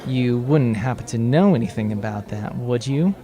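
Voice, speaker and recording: A man playing a composed, secretive space rogue in a sci-fi audio drama, dry and courteous in a measured way. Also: medium pitch, a crowd in the background, lightly acted. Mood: dry, probing. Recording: voice over background music.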